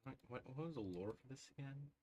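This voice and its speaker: A man's voice: medium pitch, lively intonation, fast, mellow, a little hiss or hum. A man streaming live over a headset mic, thinking aloud and reacting to a game with frequent "ooh"s and little laughs as he talks to his chat. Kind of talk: live gameplay commentary, talking to chat.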